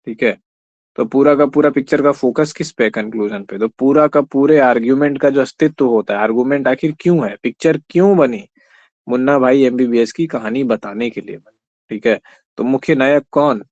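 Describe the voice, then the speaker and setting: A man with a medium-pitched, darkish voice teaches an online exam-prep class, explaining step by step, quizzing students, mixing in English terms and often saying "theek hai." The recording is a slightly dull lo-fi one with no echo.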